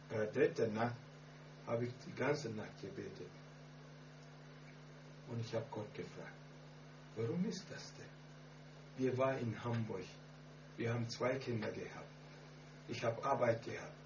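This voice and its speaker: A man preaching a sermon and telling his own story in halting German full of grammar slips. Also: mid-range voice. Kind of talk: sermon with personal testimony. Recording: echoey, muffled distant hall recording with hum.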